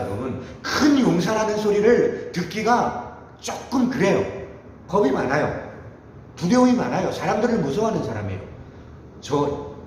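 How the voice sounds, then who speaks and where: A man preaching a sermon to a youth group, animated and self-mocking, acting out the people in the story. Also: sits high, slight background noise. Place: church hall. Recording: echoey hall with faint ambience.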